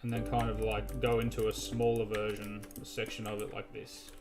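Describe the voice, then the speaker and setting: A man's voice: fairly low pitch, completely flat delivery, moderate pace, music in the background. A man hosting a casual gaming video, narrating his building as he goes in a chatty, rambling way with many restarts. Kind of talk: casual gameplay commentary.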